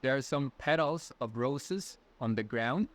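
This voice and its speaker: An expressive mid-range voice, slightly slow, belongs to a man in his twenties from Ecuador being interviewed as a guest. He answers casually with a Latin American Spanish accent, sounding friendly and hesitant, with many fillers and restarts.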